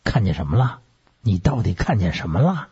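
A man's voice: on the low side, sing-song, brisk, dark tone, slightly rough, heavily acted. A male storyteller playing a proud but frightened ancient king who blusters and boasts. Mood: nervous. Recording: dull lo-fi recording.

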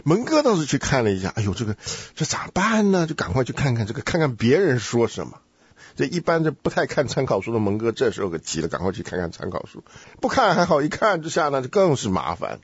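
Man, Bible study host, teasing quizmaster, husky voice, dull dry audio. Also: mid-range voice, huge pitch swings, fast, no echo. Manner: teasing, quizzing, laughs often. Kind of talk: casual Bible study chat.

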